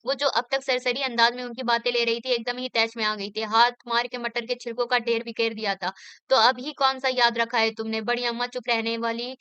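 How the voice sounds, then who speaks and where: A woman narrating a novel aloud in a steady, even manner. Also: on the high side, a little fast, hardly any pauses, clean tone, no room sound, lo-fi sound. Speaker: audiobook narrator.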